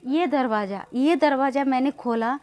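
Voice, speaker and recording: A woman in her thirties vlogging, telling a personal story in a rambling, hesitant way with many filler words that turns agitated and loud. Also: sits high, normal speed. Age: 30s. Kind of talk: casual storytelling vlog.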